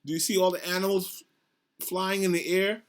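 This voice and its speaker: A man's voice: high voice, little pitch movement, normal speed. A man, a school principal, reading a picture book aloud to children over a video call, praising them and asking about the pictures. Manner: encouraging, asks the children questions about the pictures.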